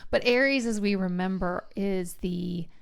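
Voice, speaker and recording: A Texan woman co-hosts a podcast in a relaxed, chatty way, sometimes restarting her sentences. Her voice sits at an ordinary middle pitch. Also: measured pace, gravelly, clear, resonant tone. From Texas. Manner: chatty, restarts, laughs easily. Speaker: podcast co-host. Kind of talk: casual chat about astrology.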